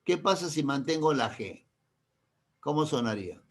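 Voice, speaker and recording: A middle-aged man, teaching a classroom grammar lesson. He keeps checking that the class understands with quick questions and uses playful, teasing examples. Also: a little high, animated, slight background noise. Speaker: language teacher.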